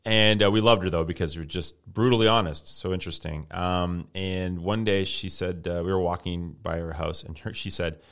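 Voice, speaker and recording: A man's voice: deep voice, fairly even intonation, moderate pace, hardly any pauses, a bit bright. A man, an actor and TV co-host, chatting as an interview guest with dry, teasing humor. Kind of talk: casual interview chat.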